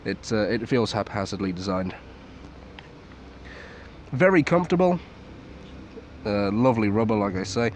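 A man's voice: fairly low pitch, expressive, normal speed, pauses often, darkish tone. A man giving a casual, unscripted review, with understated delivery, swearing and muttered asides. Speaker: military surplus gas mask reviewer. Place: outdoors in a garden at night. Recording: clearly noisy outdoor recording.

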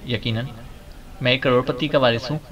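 A man's voice: medium pitch, steady tone, a bit bright, distant mic, lightly acted. A man reading an audiobook voices a cocky young heir who answers in a dry, offhand, mocking way. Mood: flippant.

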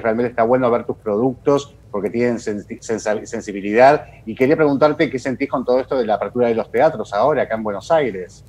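A man's voice: medium pitch, darkish tone, breathy edge, poor audio. A man with an Argentine accent co-hosting a TV talk show, playful and complimentary toward the guest. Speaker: TV co-host, panelist.

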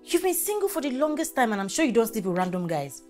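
A bubbly, teasing best friend. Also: female voice, a little high, very animated, quick pace, darkish tone, faint music behind. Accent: Nigerian English. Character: teasing young woman, gossipy, playful best friend. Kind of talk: film drama dialogue.

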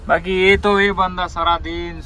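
Young male vlogger, casual and upbeat, talks to camera on a phone, slightly higher voice over soft background music. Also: flat delivery, a little slow. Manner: chatty, addresses viewers as guys, upbeat. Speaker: travel vlogger. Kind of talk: casual travel vlog narration. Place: inside a car, then outdoors at a scenic viewpoint. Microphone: phone camera held at arm's length.

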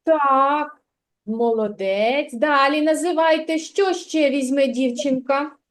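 A woman's voice: high-pitched, lively intonation, slow, darkish tone. A woman kindergarten teacher leading a literacy lesson for young children, patient, drawing out her praise and prompting questions.

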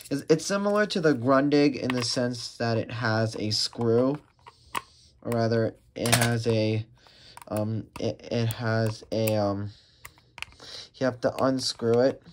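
Slow, halting man unboxing gadgets. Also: mid-range voice. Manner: halting, restarts sentences, many fillers. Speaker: radio collector unboxing radios. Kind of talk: casual unboxing commentary. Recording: steady background noise with packaging crinkles and clicks.

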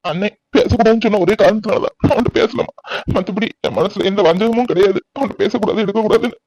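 A man plays a kind-hearted brother in an animated drama, reassuring his sister and telling her not to cry. His voice is fairly high and brisk. The recording is dry and close. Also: no echo. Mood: soothing. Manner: soothing, warm-hearted, reassuring. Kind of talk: cartoon voice acting.

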